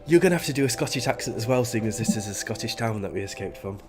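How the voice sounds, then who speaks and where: Speaking rapid-fire in a lowish voice over music, a man streams a co-op game and narrates a role-play setup. He keeps things casual and animated, mocking himself and laughing often.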